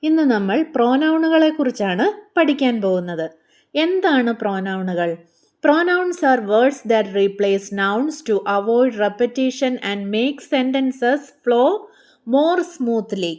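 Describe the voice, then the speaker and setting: This is a woman with a Malayali accent giving a grammar lesson in a somewhat high voice. She reads each English definition out very slowly and carefully, then moves through her explanations at a brisker pace. Her delivery is patient and teacherly. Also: animated, darkish tone. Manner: slow, deliberate reading of English lines, then quicker explanation in her own language.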